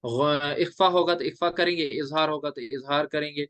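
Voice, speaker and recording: A male teacher explaining recitation rules step by step, drawing out letters in slow chanted examples. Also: on the high side, fairly bright tone, dry recording. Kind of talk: classroom lecture on recitation rules.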